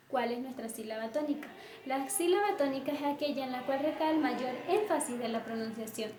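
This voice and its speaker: A woman teaching a lesson in a measured way, with fillers and self-corrections. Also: sits high, a little mellow. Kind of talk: explanatory lesson. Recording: echoey room with faint background noise.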